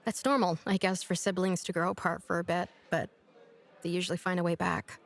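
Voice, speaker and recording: A woman's voice: on the low side, flat delivery, a little fast, close to an everyday voice. Woman doing a sarcastic young woman, dry and direct, teases a lot, audio drama. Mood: earnest. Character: blunt, sarcastic young woman, grieving sister. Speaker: [name].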